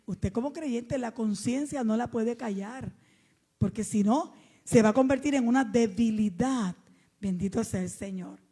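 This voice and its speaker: High-voiced puerto rican lady preaching, fired up then quiet, calls everyone hermano. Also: a little slow, slightly rough. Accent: Puerto Rican Spanish. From Puerto Rico. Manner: fervent preaching, calls listeners amado and hermano, rises and drops in volume. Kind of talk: sermon.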